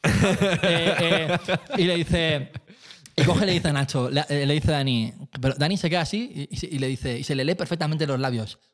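A man telling a lively anecdote about his band on stage, acting out voices, laughing and swearing casually. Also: fairly high pitch, moderate pace. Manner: animated storyteller, acts out voices, laughs often, swears casually. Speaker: musician telling a tour story.

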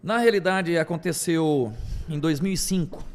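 A man, a pastor, telling his life testimony in a podcast interview, animated, acting out the voices of others as he talks. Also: a little high, moderate pace, a little hiss or hum. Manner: animated storyteller, quotes God and others in lively bursts.

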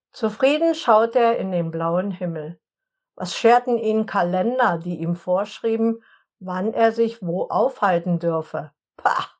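A woman narrating an audiobook story in a calm, measured manner. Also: medium pitch, muffled recording.

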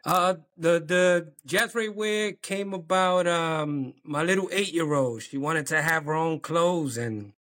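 A clothing brand owner from New York chats casually as an interview guest. His voice is slightly higher, and he's relaxed and halting, with many ums and chuckles.

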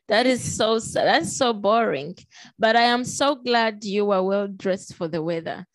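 A woman from Congo hosting a casual podcast interview, chatty and expressive with frequent jumps in pitch. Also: measured pace, no echo. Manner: chatty with small restarts and fillers. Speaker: podcast host.

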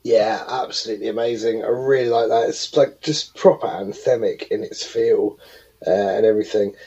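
A man's voice: fairly low pitch, moderate pace, mellow, husky, dull audio. A man co-hosting a music podcast, gushing with enthusiastic praise. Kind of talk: casual podcast chat.

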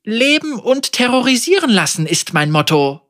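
A woman voicing a hesitant female village leader who flatters awkwardly and keeps stalling. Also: fairly high pitch, moderate pace, voice pushed up. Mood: placating. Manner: hesitant, filler-laden, ingratiating.

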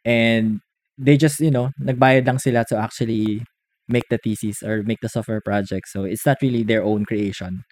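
A man with a Filipino accent co-hosting a casual podcast, telling stories in an animated, laughing way and mixing Tagalog with English. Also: medium pitch, normal speed, slight background noise. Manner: animated storyteller, switching between Tagalog and English. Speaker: podcast co-host. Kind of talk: casual chat.

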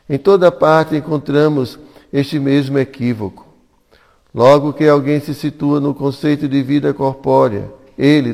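A man's voice: mid-range voice, vocal fry, darkish tone, big-room sound. A Brazilian Portuguese-speaking man reading scripture commentary aloud at a devotional class, chanting Sanskrit verses in a singsong. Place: community hall at an ecovillage.

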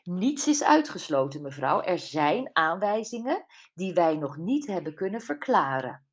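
A woman's voice: fairly low pitch, sing-song, measured pace. A young male police officer in an audiobook, voiced by a woman reader. He is polite and stiffly formal.

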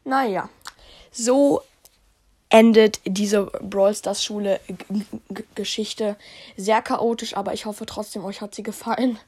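A woman narrating a playful fan story in a relaxed, slightly halting way. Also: mid-range voice, breathy edge. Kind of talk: casual storytelling.

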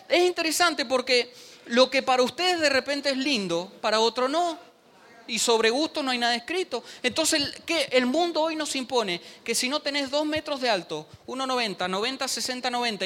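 Bright, joking preacher man. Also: extremely high pitch. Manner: animated, joking preacher addressing the congregation directly. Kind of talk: sermon. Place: church.

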